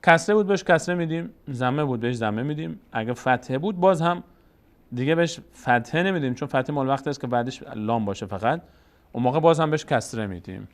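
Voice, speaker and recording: A man's voice: medium pitch, animated. Patient man teaching Quran reading. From Tajikistan. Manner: explains rules patiently, then slowly sounds out each syllable. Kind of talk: step-by-step recitation lesson.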